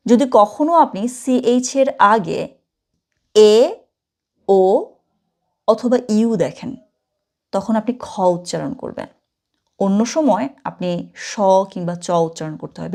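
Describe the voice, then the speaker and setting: A woman's voice: medium pitch, darkish tone. A woman teaching German in an online lesson, mixing in English and often checking "okay?" with her students. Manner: code-switching teacher, checks in with "ঠিক আছে?" often; slows down and spells out German words.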